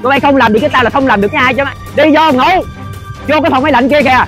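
A man playing a boss in a comic sketch, scolding loudly and repeating his exclamations. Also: very high-pitched, very fast, faint music behind. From Mekong Delta, Vietnam. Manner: loud scolding, repetitive exclamations. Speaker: comedy sketch lead, boss.

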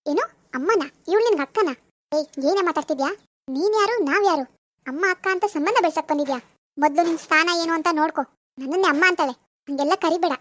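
A woman's voice: sits high, fast, fairly bright tone. A woman voicing a domineering, scornful mother. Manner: bossy, contemptuous. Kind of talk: animated village drama voice acting.

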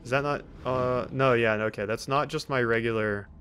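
This mid-range, slightly bright male voice keeps a fairly even intonation at a normal pace. He hosts a let's play with casual, wry commentary, teasing the characters and reading game text aloud, while faint game noise plays behind him.

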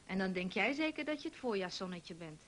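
A woman's voice: mid-range voice, expressive, fairly quick, fairly bright tone, slight background noise, natural voice. A woman voicing a grumpy housewife who snaps and grumbles, reading a children's story. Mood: grumbling. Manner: snapping and grumbling. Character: grumpy housewife, snappish, sulky.

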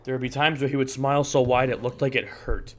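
A man reading aloud the lines of a dying, infected male villager in a game, in a low, hushed voice. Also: steady tone, fast, lightly acted. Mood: somber.

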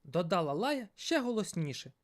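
A woman's voice: lowish voice, moderate pace. Playful woman telling a fairy tale. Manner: playful, expressive. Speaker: storyteller.

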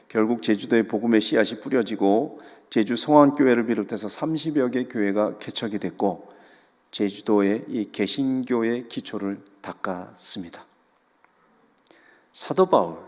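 A man preaching as a pastor, telling a story in a sermon with dramatic rises and soft drops. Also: medium pitch. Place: church sanctuary. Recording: long church hall reverb.

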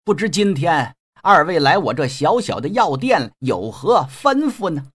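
A man's voice: on the high side, very animated, a little slow, fairly bright tone, breathy edge, full character voice. A man voicing a timid, obsequious male apothecary who stammers nervously.

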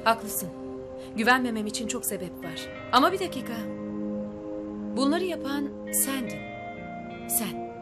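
An earnest, outspoken young woman in a TV drama. Her voice sits a little high, and loud music plays behind her words. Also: very animated, unhurried, pauses often. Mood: reproachful. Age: young adult. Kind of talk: TV drama acting.

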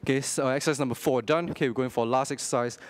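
A young man instructing a workout, energetic, talking in short clipped cues and counts with frequent okays while exercising. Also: mid-range voice, fast talker, no echo. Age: young adult. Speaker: fitness instructor.

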